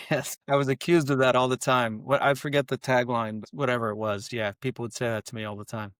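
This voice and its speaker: A man's voice: mid-range voice, flat delivery, a little fast, a bit bright, clear, resonant tone, no echo. Male podcast guest, mid-range voice, wry self-deprecating humor, casual chat, dry close sound.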